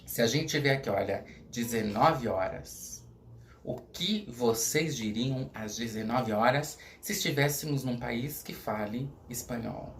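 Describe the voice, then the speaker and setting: A middle-aged Brazilian man, a school coordinator, giving a recorded video lesson in a lively teacher's manner, slowing right down to model each word and often checking in with his listeners. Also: medium pitch, slight background noise. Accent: Brazilian Portuguese. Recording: echoey room.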